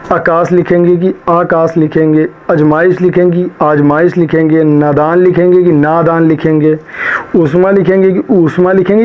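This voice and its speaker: A man teaching a spelling lesson, drilling words one after another, right and wrong, with much repetition. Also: on the high side. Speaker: shorthand teacher. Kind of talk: spoken lesson. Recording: dull lo-fi sound.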